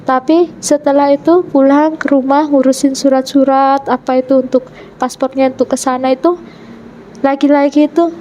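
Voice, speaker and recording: Woman, high-pitched, mellow warm tone, earnest personal testimony, halting, quotes dialogue. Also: steady tone, dull audio, a little hiss or hum. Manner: retells events by acting out quoted dialogue. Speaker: convert telling her life story. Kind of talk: emotional personal testimony in an interview.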